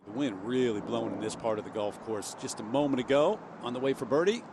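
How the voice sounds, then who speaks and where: A man's voice: medium pitch, fast talker. A man giving live play-by-play as a golf commentator. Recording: clearly noisy outdoor broadcast.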